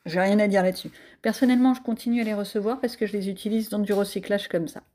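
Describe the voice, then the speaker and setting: A woman's voice: medium pitch, steady tone, quick pace, warm tone. A French-accented woman chatting casually through a crafting tutorial, self-deprecating and full of fillers. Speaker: crafting vlogger.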